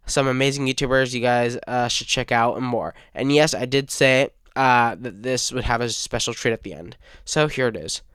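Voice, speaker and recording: Rambling young man, smooth dry voice. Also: medium pitch, fairly bright tone, no room sound. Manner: rambling, hesitant with frequent uh fillers. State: sick, stuttering. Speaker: fan channel host. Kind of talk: casual fan review talk.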